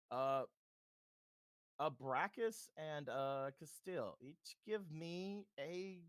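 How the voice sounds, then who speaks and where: Brief: laid-back game master narrating, animated voice, dry mic. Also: male voice, on the high side, no room sound. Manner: relaxed, halting with fillers.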